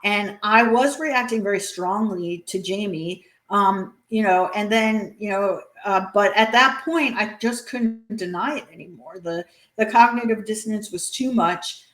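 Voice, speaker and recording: A woman's voice: mid-range voice, unhurried, few pauses, fairly bright tone. Earnest woman guest in an echoey room. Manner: earnest, many fillers and restarts. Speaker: guest author. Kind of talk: interview conversation.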